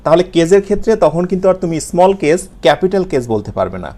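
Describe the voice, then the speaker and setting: Warm, expressive and high-voiced, this Bengali-accented man teaches English letters and their pronunciation on video, slowly repeating sounds while posing questions and answering them himself.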